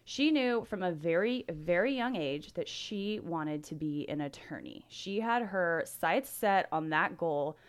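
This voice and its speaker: A woman's voice: on the low side, animated, unhurried, hardly any pauses, clean tone. A woman co-hosting a true-crime podcast, telling the case in casual chat and laughing often. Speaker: podcast co-host.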